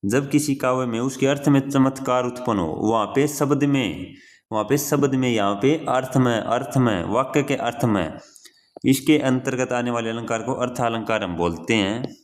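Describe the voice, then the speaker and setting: A man's voice: medium pitch, moderate pace. A young man teaching an exam-prep grammar lesson in a casual, repetitive way, often repeating key phrases and calling the listener brother.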